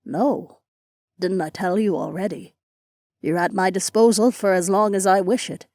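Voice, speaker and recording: A woman voicing a stern, powerful female sect elder who speaks briskly and with command in an audiobook. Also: medium pitch, lively intonation, a little mellow, no echo, studio quality, lightly acted. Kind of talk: audiobook character voice.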